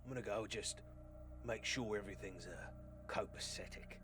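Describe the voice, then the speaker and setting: A man's voice: on the low side, moderate pace, fairly bright tone, a little hiss or hum, lightly acted. A man voicing a cautious lead guide who gives brief, offhand orders.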